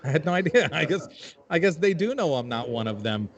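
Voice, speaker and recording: A man's voice: on the high side, very animated, fairly quick, muffled recording. A man in his forties from Jordan, a comedian telling wry, dry stories in casual chat. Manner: dry, wry storytelling with filler-laden asides. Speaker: comedian and panel guest.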